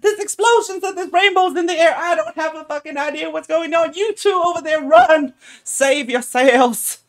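A man voicing a frazzled, panicking halfling woman who shrieks breathless exclamations in a very high, loud voice. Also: moderate pace. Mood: panicked.

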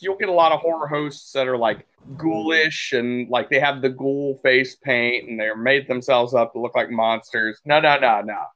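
A man's voice: mid-range voice, highs cut off. A man co-hosting a casual podcast, telling rambling stories about meeting people and acting out the quotes. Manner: rambling storyteller, animated when acting out quotes. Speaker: podcast co-host. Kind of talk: casual chat.

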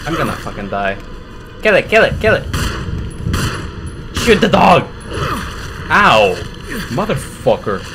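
A man's voice: on the high side, big pitch swings, slow, pauses often, background noise. Jumpy, swearing male game streamer. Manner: panicky, cursing, yelps and rambles at the game. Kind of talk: live gameplay commentary.

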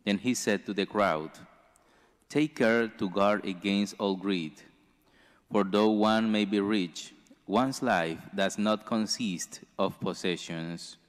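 A deep-voiced male priest reads the gospel and gives a homily in a reverberant church sanctuary. He speaks slowly and in a measured way, pausing carefully, into a stand mic at a lectern.

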